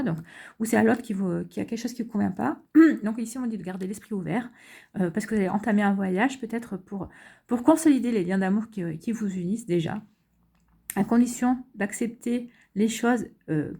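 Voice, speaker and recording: A woman's voice: medium pitch, dark tone, slightly rough. A woman giving a casual, chatty card reading to her viewers, full of fillers and restarts and a reassuring tone. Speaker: tarot card reader.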